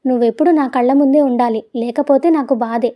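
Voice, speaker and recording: An impulsive young woman in love pleads earnestly, voiced by a woman narrator. Her voice sits high and soft-edged. She sounds like a storybook heroine. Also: a little fast, natural voice. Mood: tearful.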